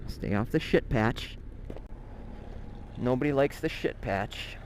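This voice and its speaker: A man with an Upper Midwest American accent rambles as he rides, mid-pitched and informal. His voice is captured inside a helmet, with distinct wind and engine noise around it. He drops in swearing and joking asides. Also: expressive, slow pace. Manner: rambling, profane, jokey asides. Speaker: motorcycle vlogger. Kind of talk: casual chat while riding. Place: outdoors, riding a motorcycle. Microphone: microphone inside a motorcycle helmet.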